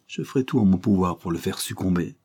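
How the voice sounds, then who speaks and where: A man's voice: deep voice, fast, darkish tone. A man reading an audiobook, voicing an arrogant scheming nobleman with a curt, sneering delivery. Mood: defiant.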